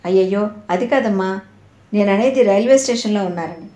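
A woman voicing an elderly male household servant who speaks in a gentle, respectful and amused way. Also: mid-range voice, brisk, natural voice. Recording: roomy echo.

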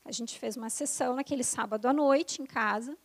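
High-voiced woman telling her testimony. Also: fairly quick. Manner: animated storytelling, acts out quoted dialogue; emotional, intensifying at the climax. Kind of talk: personal conversion testimony.

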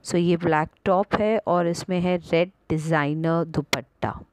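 Slow, low-voiced woman shopping vlogger. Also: fairly even intonation, noisy background. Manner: chatty, mixes Hindi and English, frequent "uh" fillers. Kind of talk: casual vlog narration.

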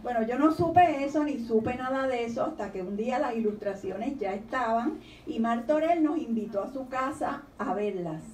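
Expressive woman reading aloud in an echoey hall. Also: fairly high pitch, normal speed. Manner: expressive, reads questions in a lilting storytelling tone. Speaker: children's author giving a talk. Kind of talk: panel talk reading her poems aloud. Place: university library lecture room. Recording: echoey room recording from far off.

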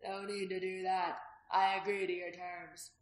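A woman reading the part of a sly, prosperous, graying male innkeeper who talks loudly and teasingly, in a storybook reading. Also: fairly low pitch, level tone, a little slow, lightly acted. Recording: roomy echo.

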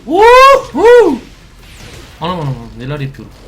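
A young man doing casual let's-play commentary, excitable and trash-talking, often breaking into shouts. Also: a little high, fairly quick, over music. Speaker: gameplay commentator.

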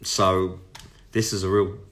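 A man's voice: low-pitched, little pitch movement, slow pace, a little hiss or hum. An Australian man in his sixties, a musician chatting casually to his livestream viewers from his home, rambling and affectionate, talking close into a phone. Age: 60s. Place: home room lit with party lights. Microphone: phone camera close up. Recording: guitar music heard loudly behind.

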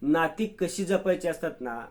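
A man's voice: fairly high pitch, expressive, normal speed, close to an everyday voice. A man voicing a worried young man who pleads with and coaxes his friend, inside a storybook recap. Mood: soothing. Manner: pleading, coaxing.

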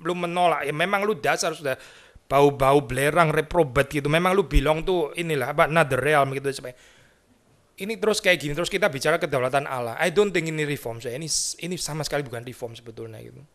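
A male pastor preaching a sermon in church in a conversational way, mixing in English terms and moving between hushed asides and emphatic rises. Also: fairly high pitch, quick pace. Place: church sanctuary.

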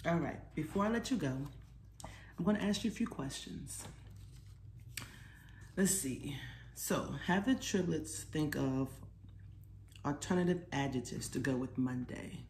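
An American woman in her forties hosts storytime, casually talking to children, encouraging them and asking them questions. Her deep, darkish voice has lively intonation and a measured pace with frequent pauses. Recorded indoors in a small living room, the sound is echoey with clear noise behind it.

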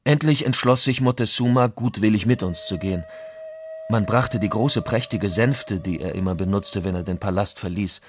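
For an audio documentary, a man reads historical quotations, playing a Spanish conquistador who recounts events in a formal memoir as a dramatic reading of old chronicles. His voice is on the low side and close to everyday, at normal speed, measured and formal, with background noise.

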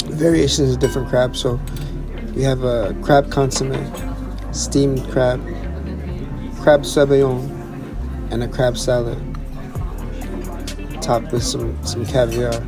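A young chef and vlogger with a medium-pitched voice chats casually through a restaurant tasting menu. He's enthusiastic, repeating words in his excitement and often restarting.

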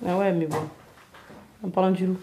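A woman with a Comorian French accent playing a friend who calms her down in casual slang. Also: fairly low pitch, brisk, a little hiss or hum, close to an everyday voice, poor audio. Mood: calming. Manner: lively, soothing, casual slang. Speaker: friend on the phone.

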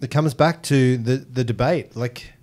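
A man's voice: mid-range voice, measured pace, darkish tone. Jokey man, casual podcast co-host. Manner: jokey, questioning. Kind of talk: casual bantering chat. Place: small indoor podcast studio. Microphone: close boom-arm studio mic with headset.

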